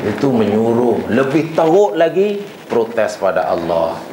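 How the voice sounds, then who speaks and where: A middle-aged man with a Malaysian Malay accent giving a lively religious lecture full of rhetorical questions. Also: medium pitch, measured pace, background noise. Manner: lively preaching with rhetorical questions and acted prayers.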